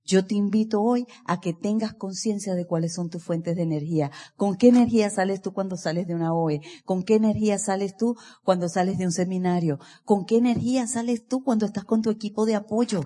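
A woman giving an energetic motivational speech to a live seminar audience, asking listeners direct questions. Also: medium pitch, big-room sound. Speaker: motivational speaker at a business seminar.

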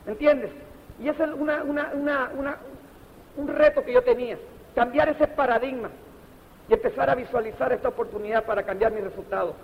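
A very high-pitched, steady-toned middle-aged man from Panama, speaking a little fast, gives a preachy motivational speech full of rhetorical questions aimed straight at the audience. The hall recording is dull and echoey, with a little hiss or hum.

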